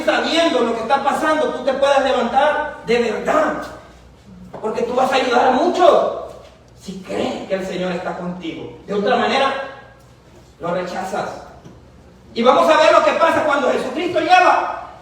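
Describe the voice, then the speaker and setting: A man with an extremely high, fairly bright voice preaches fervently in a church, calling out to his congregation with lively intonation at a moderate pace. The recording sounds like an echoey hall with the mic far off and slight background noise.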